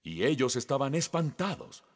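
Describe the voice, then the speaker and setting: Middle-aged guy preaching a sermon, voice jumps up and down a lot, big emphatic storytelling. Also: moderate pace. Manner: animated storytelling with emphatic pitch swings. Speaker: pastor.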